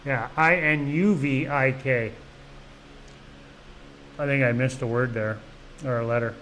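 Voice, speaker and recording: A man's voice: medium pitch, fairly even intonation, unhurried, a bit bright, a little hiss or hum, poor audio. A middle-aged man from Canada hosting a casual live vlog, rambling along with lots of "you know" and restarts. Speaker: vlog host. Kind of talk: casual live-stream chat.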